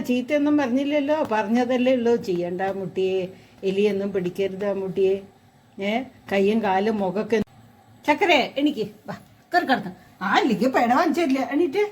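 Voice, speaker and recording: A woman's voice: fairly high pitch, a little mellow, poor audio. Woman coaxing her pet in sing-song. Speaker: pet owner filming her pet. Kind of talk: cooing talk to a pet.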